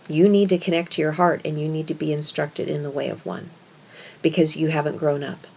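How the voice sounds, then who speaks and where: A woman's voice: low voice, vocal fry, darkish tone, breathy edge, lo-fi sound. A woman giving an esoteric scripture lesson as a religious teacher, explaining in an instructive way and stressing key words.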